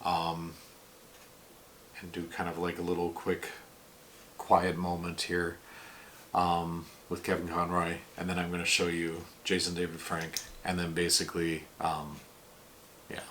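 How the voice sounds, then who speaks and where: A man hosts his vlog in a low voice. He talks in a halting, rambling way, full of fillers. His pitch barely moves, and he sounds emotional and choked up. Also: monotone, a bit bright, slight background noise. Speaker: vlog host. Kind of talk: casual tribute vlog talk.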